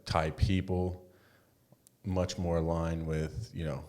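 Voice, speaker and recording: A man's voice: sits low, flat delivery, slow pace, a little mellow. A man co-hosting a podcast in casual chat, laid-back and blunt, swearing now and then. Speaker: podcast co-host.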